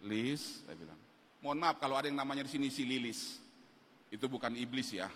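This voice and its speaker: A man voicing an ashamed young man who hesitantly confesses his sins to a pastor, speaking low and quiet in an echoey church hall. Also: brisk, natural voice. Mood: sheepish.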